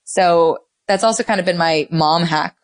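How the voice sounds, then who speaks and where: A woman's voice: on the low side, moderate pace. A mother who cooks, a woman, chatting enthusiastically as a podcast guest, with many "like"s and exclamations. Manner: enthusiastic, gushing, lots of "like" and "oh my God". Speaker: guest, cooking mom. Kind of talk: casual interview chat. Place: Los Angeles.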